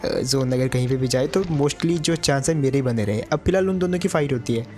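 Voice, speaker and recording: A man's voice: medium pitch, brisk, a little mellow, soft background music. A man giving chatty gameplay commentary to his viewers, calling them brother. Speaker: gaming YouTuber.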